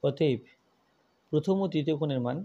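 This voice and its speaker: A man's voice: a little high, steady tone, fairly quick, mellow, lo-fi sound. A man teaching a math lesson, working through each step methodically and repeating it as he goes.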